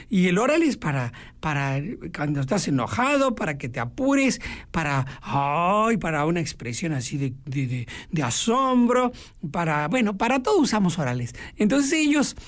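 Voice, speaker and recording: A woman with a Mexican accent hosting a radio music program, chatting casually and acting out little voices. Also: mid-range voice. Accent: Mexican Spanish. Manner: chatty, animated, acts out voices in quotes. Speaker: radio host.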